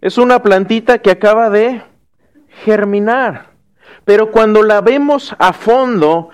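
A man teaching a class. He lectures and asks his students questions, checking in often with quick tag questions and restarting words as he goes. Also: sits high, clear, resonant tone.

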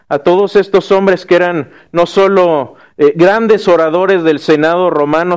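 High-voiced, slow-talking male teacher. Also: smooth. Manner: animated storyteller who acts out quotes, with a folksy humor. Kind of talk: storytelling lecture to a class.

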